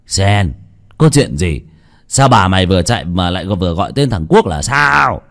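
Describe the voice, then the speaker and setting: A man's voice: deep voice, big pitch swings, normal speed, a bit bright, heavily acted. A man voicing an older village chief who questions and orders urgently. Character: stern old village chief, shaken.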